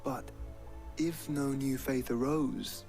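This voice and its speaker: Earnest scholarly young lord, medium pitch, game dialogue, music behind. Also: male voice, fairly even intonation, slow pace, darkish tone. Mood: earnest, explanatory. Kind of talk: dramatic video game acting.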